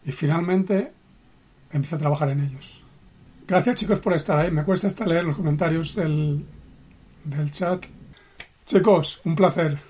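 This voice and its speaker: Earnest Spanish-man, slightly high voice. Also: darkish tone, slightly rough. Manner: earnest, emphatic, with deliberate slow phrasing. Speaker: personal development coach. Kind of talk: motivational live stream talk.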